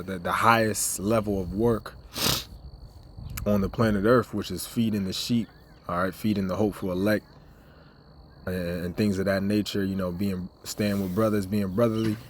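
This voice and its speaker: A slightly raspy, lowish male voice, a ministry member making a teaching video, delivers an informal sermon over faint hiss or hum. He rambles, repeats words and leans on fillers, then reads scripture aloud, getting louder and more emphatic as he goes.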